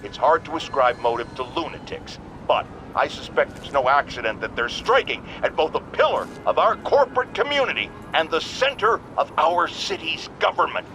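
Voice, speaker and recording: An actor playing J. Jonah Jameson, a blustering, self-righteous, paranoid talk radio host with a pompous, emphatic delivery. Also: male voice, sits high, sharp tone, a little hiss or hum, heavily acted, poor audio. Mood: grave alarm. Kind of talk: opinionated talk radio rant.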